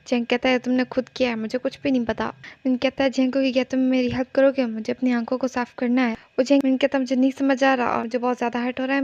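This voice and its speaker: A high-pitched woman walks through a story scene by scene in a casual recap, quoting each character's lines in turn. Her tone is mellow and soft-edged. The recording is dry and a little dull and lo-fi. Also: no room sound. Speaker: series recap narrator. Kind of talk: casual plot-recap narration.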